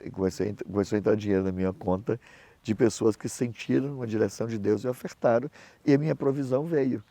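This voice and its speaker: Vocal fry runs through a lowish male voice captured in a dry recording. The speaker, a middle-aged missionary and pastor, preaches through animated stories and plays out other people's voices whenever he quotes them.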